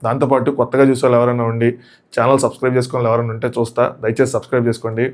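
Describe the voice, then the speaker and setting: A man with a voice hoarse from shouting gives a casual, excited, rambling movie review and repeats his points. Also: mid-range voice, very fast.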